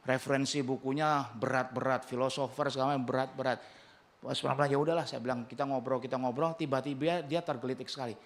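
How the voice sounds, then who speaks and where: A man's voice: medium pitch, steady tone, quick pace. A male pastor with an Indonesian accent, preaching a sermon in a conversational, humorous way and acting out the dialogue he quotes.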